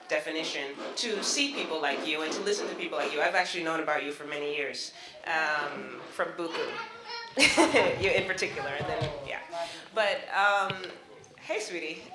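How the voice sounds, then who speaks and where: Speaking from the floor, a woman from Barbados who was raised in Brooklyn, New York, asks a rambling, chatty question and laughs often. Her voice is lowish and the room sounds reverberant.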